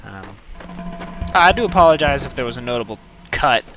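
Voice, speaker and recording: A man with a medium-pitched, expressive, slightly bright voice talks a little fast as a gaming video host. His let's play commentary is casual, self-deprecating and full of wry asides, with game gunfire and ambience clearly audible behind him.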